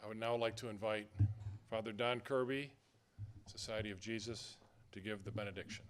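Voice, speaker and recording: A man with a fairly low voice briefly introduces the next speaker. There is a joking aside and faint noise in the background. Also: steady tone, fairly quick.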